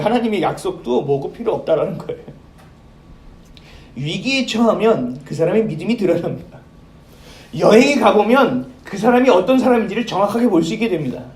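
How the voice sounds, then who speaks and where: A man preaching a sermon as pastor, talking in a lively, conversational way and asking the congregation questions. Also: high voice, echoey room. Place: church sanctuary.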